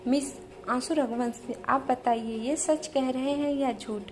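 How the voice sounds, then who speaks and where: A woman's voice: sits high, measured pace, slight background noise. A woman voicing a stern male college principal in an audio story, strict and commanding.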